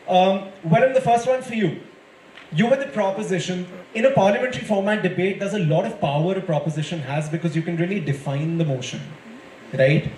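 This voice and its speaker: A man with an Indian accent, judging a debate and giving students encouraging, conversational feedback in an impromptu speech. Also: high voice. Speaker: debate judge. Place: indoor school event space with audience. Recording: echoey hall, faint crowd and noise.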